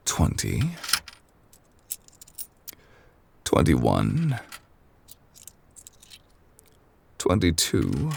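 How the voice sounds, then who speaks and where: A man playing Zhongli, a deep, slow, formal ancient god. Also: creaky, a little hiss or hum, full character voice. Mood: musing. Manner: formal, measured, old-fashioned phrasing; soft-spoken, drops to near whispers. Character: ancient godly man, calm, scholarly, absent-minded. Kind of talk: ASMR audio roleplay.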